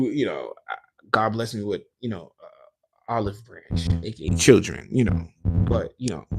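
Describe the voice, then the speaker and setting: A man hosting a podcast, talking casually in a rambling, animated way with slangy asides and quoted voices. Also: mid-range voice, gravelly. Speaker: podcast host. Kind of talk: casual solo podcast chat.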